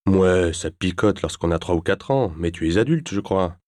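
A man putting on a sharp-tongued bossy woman. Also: low-pitched, expressive, moderate pace, no echo, studio quality. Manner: scolding, mocking. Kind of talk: audiobook narration.

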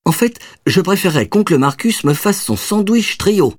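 A man voicing an excited, proud little boy in an audiobook reading, with a high, eager childlike voice. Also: moderate pace, no echo, clean studio sound. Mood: excited child.

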